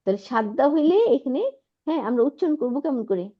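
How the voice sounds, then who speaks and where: A woman with a high, expressive voice talks fast as she teaches Arabic grammar step by step. She keeps checking understanding with frequent rhetorical questions, asking her students whether they follow, and the audio is dull and lo-fi.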